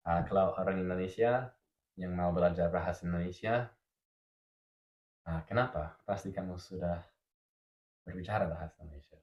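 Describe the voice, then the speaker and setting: Male, foreign learner speaking Indonesian, English native, stuffy nose, halting formal delivery, podcast guest, roomy slightly dull recording. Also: low-pitched. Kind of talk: casual podcast interview.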